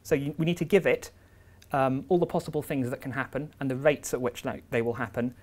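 A man's voice: medium pitch, fairly even intonation, fairly quick, darkish tone. Young man explaining slides, full of ums. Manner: explanatory, walks through slides with frequent ums and uhs. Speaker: visiting researcher giving a seminar. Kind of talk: academic seminar talk. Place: lecture room, indoors.

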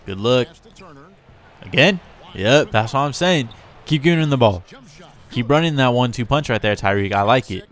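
A man hosting a casual gameplay commentary, chatty and talking straight to his in-game players, with bursts of excitement. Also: mid-range voice, moderate pace, pauses often. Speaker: gamer and channel host.

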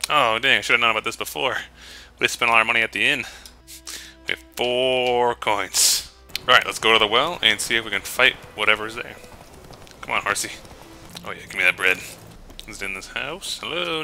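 A man's voice: fairly low pitch, fairly even intonation, moderate pace, pauses often, pushed and bright, faint music behind. A man giving casual, jokey let's play commentary, teasing the game and exclaiming as he goes. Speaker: gaming host. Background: video game sounds.

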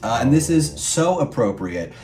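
A man's voice: medium pitch, sing-song, normal speed, darkish tone. Man patiently explaining game rules. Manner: clear, patient rule explanations with playful asides. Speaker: guest co-player explaining the rules. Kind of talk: casual explanatory chat. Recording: echoey room with faint background hum.

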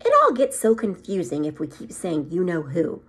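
Woman reading as a gentle old male wizard, slightly husky. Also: lowish voice, sing-song, full character voice. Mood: calm. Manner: gentle, unhurried.

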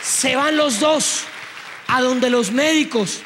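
Male pastor, high voice, animated storytelling sermon, long church echo. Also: slow pace, crowd noise, noisy background. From Colombia. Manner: storytelling preacher acting out voices, rising to loud praise. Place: church hall.

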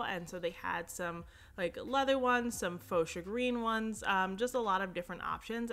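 A young woman's fairly low voice leads a relaxed shop-with-me voice-over about shopping for home decor. Bright and forward, her tone comes across clearly as she chats, peppered with fillers and quick asides.

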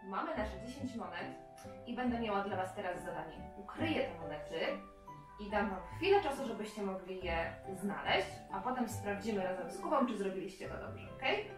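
A woman in her thirties presents a children's lesson from a child's bedroom, leading young kids through a craft and a game and putting simple questions straight to them. Her mid-range voice is brisk and expressive. A camera several metres away gives the recording a roomy, distant sound, with music playing.

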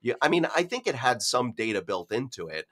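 A man's voice: medium pitch, big pitch swings, a little fast, a bit bright. A man co-hosting a podcast in casual chat, explaining his points in a reflective way. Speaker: podcast co-host.

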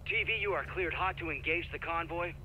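An actor playing a brash, commanding military contractor in a video game, giving orders over the radio. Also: male voice, a little high, fairly quick, sharp tone, highs cut off, slight background noise. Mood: brisk, official.

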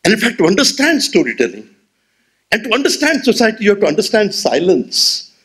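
A man in his sixties with an Indian English accent delivers a memorial lecture from an auditorium podium, speaking into a gooseneck mic. He is expressive and rhetorical, gesturing as he talks, in a high, brisk voice with a breathy edge.

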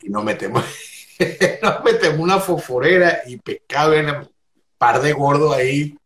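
A Venezuelan man telling a comic anecdote in an animated way, acting out shrieks and laughing often. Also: fairly high pitch, normal speed. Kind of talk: animated storytelling. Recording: echoey room, faint noise.

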